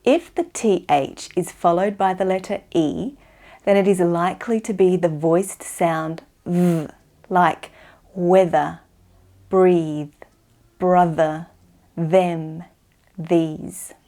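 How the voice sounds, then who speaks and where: An Australian woman giving an instructional pronunciation lesson, enunciating slowly and carefully for language learners. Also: fairly low pitch, a little mellow. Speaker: English pronunciation teacher.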